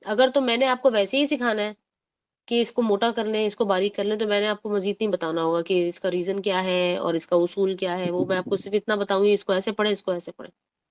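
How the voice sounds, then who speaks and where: Woman teaching tajweed, slow demonstrations. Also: medium pitch, steady tone. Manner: explains patiently, drawls recited words slowly to demonstrate; mixes English words into her talk. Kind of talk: online tajweed lesson.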